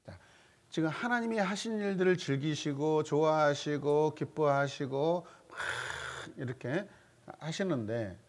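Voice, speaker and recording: A man's voice: on the high side, unhurried. A man leading a church Bible study seminar as pastor. He asks his listeners questions and repeats their answers back to them. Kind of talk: interactive Bible study teaching.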